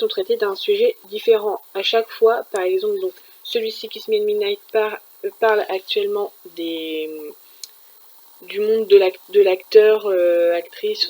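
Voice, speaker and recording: A woman's voice: mid-range voice, a little mellow, low-quality recording. A woman talking casually about her week's manga reading, chatty and full of fillers and restarts. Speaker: manga reviewer. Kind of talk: casual chat.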